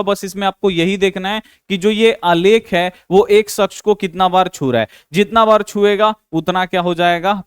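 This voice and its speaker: A man's voice: high-pitched, clear, resonant tone, no echo, studio quality. A man teaching a class 10 math lesson, explaining each step patiently and repeating key points, calling his students "babu".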